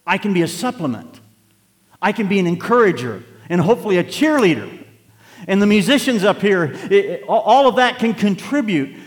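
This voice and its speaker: A man's voice: high voice, long reverb tail. A pastor in his late fifties preaching a sermon, moving from conversational reflection to emphatic, rising exhortation. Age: 50s. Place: church sanctuary.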